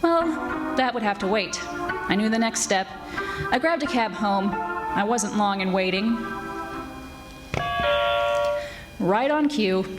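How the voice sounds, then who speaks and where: A radio theatre actor plays a wisecracking, glamorous female private eye, a former model, narrating in the style of a 1940s radio detective. Her medium-pitched, natural voice moves a little slowly with a wry, breezy, flirtatious deadpan, sardonic and unruffled. It's a low-quality live stage recording with music.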